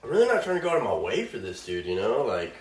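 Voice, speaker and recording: A man's voice: fairly low pitch, wildly swooping pitch, fast. A young man telling stories in a rambling, slangy, laid-back way while he cooks at home. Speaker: vlogger. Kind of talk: casual storytelling. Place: home kitchen, cooking. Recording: roomy kitchen with faint frying sizzle.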